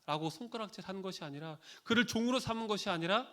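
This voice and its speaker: High-voiced earnest male pastor preaching. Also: lively intonation, quick pace, a bit bright. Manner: earnest, acts out scolding and comforting quotes. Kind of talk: sermon. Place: church sanctuary.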